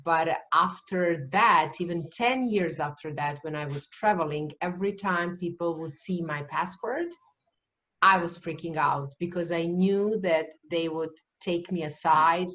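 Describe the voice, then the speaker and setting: A woman from Serbia, interviewing and slowly summarizing what she hears. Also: on the low side, a bit bright. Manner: slow, summarizing, searching for words. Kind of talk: reflective interview questions.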